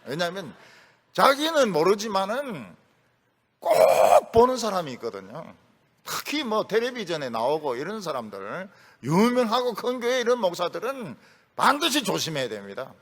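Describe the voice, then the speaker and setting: A middle-aged man delivers a sermon with a storyteller's sense of humor, slipping into quoted voices. His voice sits somewhat high and leaps around dramatically, from bright outbursts down to near mutters. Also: huge pitch swings, moderate pace. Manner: storytelling with acted quotes and humor, voice rising and dropping sharply. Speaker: pastor.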